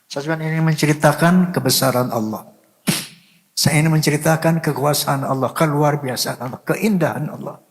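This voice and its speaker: An older man earnestly telling a personal story, full of pious phrases, sometimes dropping to a soft murmur. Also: a little high, normal speed. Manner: devout, full of religious phrases. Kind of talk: emotional storytelling. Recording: long hall reverb.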